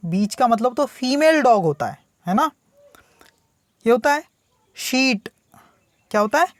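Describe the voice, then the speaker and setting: Speaking Hindi, a very high-pitched and very animated man tutors a student on English word meanings, going over points again and posing questions he then answers himself. When reading English examples, his pace slows. The sound is dry and studio-clean.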